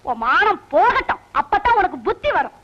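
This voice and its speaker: A woman scolds and complains in a very high, bright voice, exasperated at every turn. Her sound is muffled and slightly dull. Faint noise runs under the old film track. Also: sing-song, brisk. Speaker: film actress playing a scolding working wife. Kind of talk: film comedy dialogue.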